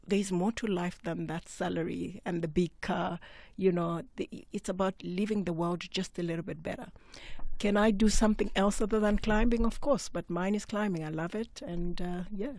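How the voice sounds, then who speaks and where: Woman in her 50s on a studio mic, lowish voice, dry sound, earnest and emphatic. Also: fairly even intonation, moderate pace, creaky, a little mellow, no room sound. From South Africa. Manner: earnest, emphatic, laughs easily. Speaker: guest mountaineer. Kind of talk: radio interview. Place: radio studio. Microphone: studio mic with headphones.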